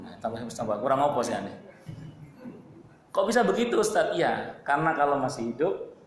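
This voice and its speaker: A man's voice: mid-range voice, vocal fry, slight background noise. A man with an East Javanese accent preaching a sermon in a conversational way, repeating phrases and addressing his listeners directly. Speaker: Islamic preacher. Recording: echoey hall with faint ambience.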